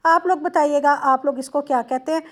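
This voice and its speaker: A woman in her thirties from Lahore with a Lahori accent, chatting homely and warm-toned through a cooking vlog voice-over, addressing viewers directly. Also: high-pitched, a little fast. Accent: Lahori Punjabi-tinged Urdu. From Lahore, Pakistan. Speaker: home cooking vlogger.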